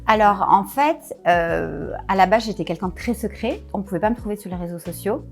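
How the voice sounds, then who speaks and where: A woman's voice: mid-range voice, expressive, fairly quick, gravelly, darkish tone, faint music behind. A woman business coach chatting casually in an interview, hesitant with many fillers and restarts.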